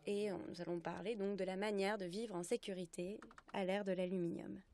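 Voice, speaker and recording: A woman working as a simultaneous interpreter, giving a live spoken translation of a lecture in halting phrases with self-corrections. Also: medium pitch, fairly even intonation, a little mellow, a little hiss or hum.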